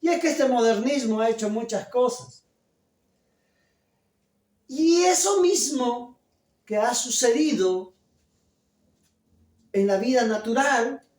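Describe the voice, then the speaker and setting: A pastor delivering a sermon, loud and emphatic, full of rhetorical questions. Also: male voice, extremely high pitch, takes it slowly, pauses often. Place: church. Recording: echoey church from a distance.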